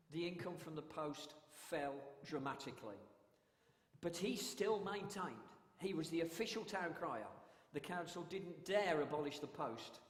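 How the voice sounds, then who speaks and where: Male town crier as lecturer: high voice, measured emphatic oratory, reverberant hall. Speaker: town crier giving a talk. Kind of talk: public history talk. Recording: echoey hall with long reverb.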